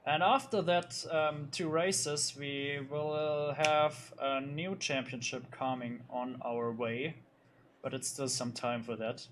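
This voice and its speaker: A man's voice: mid-range voice, fairly even intonation, takes it slowly, fairly bright tone, a little hiss or hum. A man commentating a sim racing league, loosely going over the results with many fillers and restarts. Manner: loose, hesitant, lots of fillers. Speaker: race commentator.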